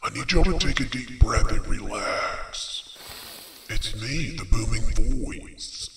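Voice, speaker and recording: A man voicing a booming, disembodied male spirit with a long echo, soothing the listeners in a half-whispered tone. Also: takes it slowly, far from the mic. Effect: booming voice with long echoing reverb. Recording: echoey reverberant hall, faint noise.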